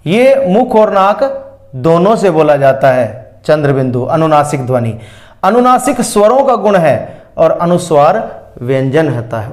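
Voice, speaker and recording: A man's voice: sits high, a little mellow. A man teaching a grammar lesson to students, patiently explaining and repeating each example.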